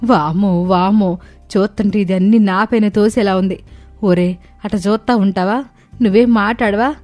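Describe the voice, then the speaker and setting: A woman voicing a scheming, loud, accusing middle-aged village mother-in-law. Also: mid-range voice, fairly even intonation, moderate pace, soft background music, natural voice.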